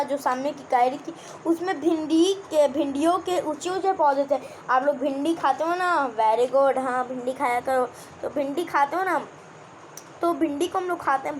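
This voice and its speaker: Brief: young woman teacher, high voice, explains a kids' story line by line, asks the class questions, faint background hiss. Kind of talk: explaining a children's textbook chapter.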